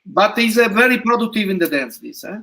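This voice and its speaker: A man's voice: sits high, expressive, fairly quick, pushed and bright. A man co-hosting a live video-call interview, talking effusively in broken phrasing.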